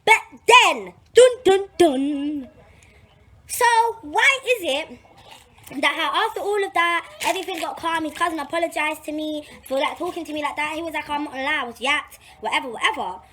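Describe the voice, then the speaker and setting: This young adult woman speaks with a London accent in a high voice at a moderate pace. She's animated and slangy, telling a personal story and repeating phrases to stress her points.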